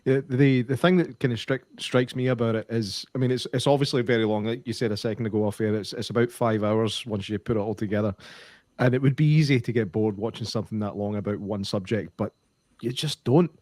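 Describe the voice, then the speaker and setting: A man co-hosting a casual podcast chat, opinionated and quick to laugh. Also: lowish voice, darkish tone, no room sound.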